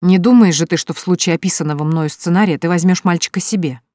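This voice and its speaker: A woman voicing a sharp-tongued, practical young woman who teases and lectures her friend. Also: lowish voice, quick pace, dry recording, studio quality, lightly acted. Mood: lecturing. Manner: teasing, coolly lecturing.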